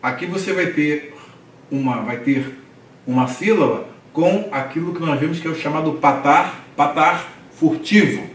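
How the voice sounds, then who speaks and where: A man's voice: on the high side, normal speed. A man teaching a reading class, patiently spelling out syllables and asking students to repeat after him. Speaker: Hebrew teacher. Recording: roomy echo, distant mic, faint ambience.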